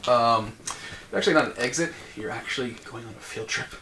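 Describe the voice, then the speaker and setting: A man's voice: mid-range voice, fairly quick, background noise. A man narrating as game master in a loose, rambling way with many fillers.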